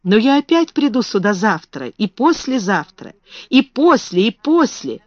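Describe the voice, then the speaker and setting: A woman's voice: a little high, sing-song, a little slow, dry recording, highs cut off. A woman voicing a frail, sickly boy who speaks earnestly and a little timidly. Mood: eager.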